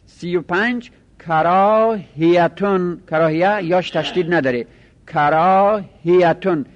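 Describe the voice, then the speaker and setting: A man teaching a grammar lesson, drawing out each listed word slowly, then explaining quickly in asides. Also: high-pitched, dull audio.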